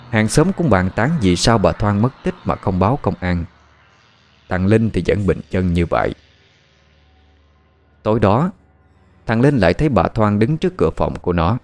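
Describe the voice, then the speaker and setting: A man tells a dark tale, his low voice rising and falling a good deal. The storytelling is steady and dramatic. Faint music sits behind him.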